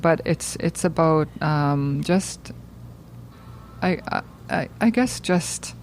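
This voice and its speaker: A woman filmmaker talking conversationally in an interview, halting as she searches for words. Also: low-pitched, a little mellow, slight background noise. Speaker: filmmaker guest.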